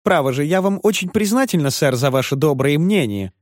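A man voicing a pretty widowed innkeeper, coy and easily brought to tears, in a raised voice with lively exclaiming lines. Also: brisk, dry recording, clean studio sound, close to an everyday voice. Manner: high, exclaiming, tearful.

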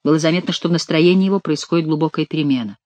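Audiobook narrator, measured and even, dry close sound. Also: mid-range voice, no echo.

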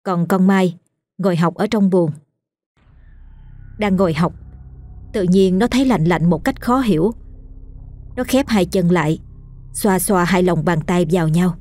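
Husky woman narrating a ghost story. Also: on the low side. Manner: steady, measured storytelling. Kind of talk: scripted horror narration.

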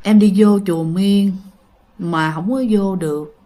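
A woman voicing an eerie young female ghost hitchhiker with a low, hollow Southern Vietnamese voice, told as a ghost story. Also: measured pace, mellow, lightly acted.

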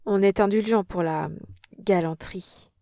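A woman's voice: mid-range voice, measured pace, warm tone, no room sound, close to an everyday voice. A woman reading an audiobook and voicing an impassioned young Parisian woman with an earnest, dramatic manner.

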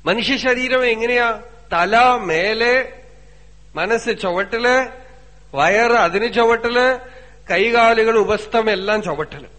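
High-voiced Malayali man giving a spiritual discourse. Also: sharp tone, big-room sound. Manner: conversational storytelling with rhetorical questions; slow chanting of Sanskrit verses. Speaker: spiritual teacher. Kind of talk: religious discourse.

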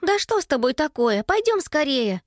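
A woman's voice: sits high, big pitch swings, moderate pace, no room sound, clean studio sound, pitched above the performer's own voice. A woman voicing a young girl who urgently coaxes and calls after a runaway sheep in an audiobook story. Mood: coaxing. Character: girl Annika, bossy and caring with her sheep.

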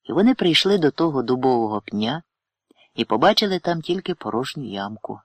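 A man narrating an audiobook in measured storytelling. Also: medium pitch, no echo, studio quality. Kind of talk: audiobook reading.

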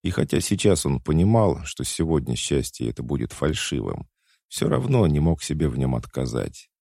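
A man narrating a thriller audiobook in a measured, dramatic reading. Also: a bass voice, big pitch swings, vocal fry, dark tone, husky, no room sound, studio quality. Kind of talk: scripted narration.

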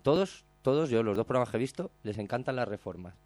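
A man hosting a casual radio chat show, retelling a story with lots of swearing and loud acted-out quotes. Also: medium pitch, quick pace, no room sound. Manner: animated storyteller, swears freely, acts out quotes loudly. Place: radio studio.

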